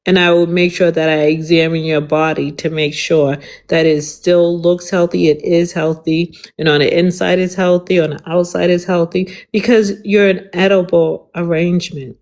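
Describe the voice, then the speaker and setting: A woman's voice: lowish voice, fairly even intonation, normal speed, few pauses, a little mellow. Flirty woman chatting on a panel, teasing, nosy questions, casual talk. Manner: teasing, inquisitive.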